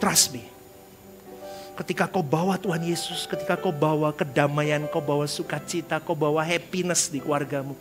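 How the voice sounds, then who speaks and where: Energetic joking male pastor preaching. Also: fairly high pitch, normal speed, over music. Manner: energetic and joking, sprinkles English words. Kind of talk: lively sermon with audience call-and-response. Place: church service before a congregation.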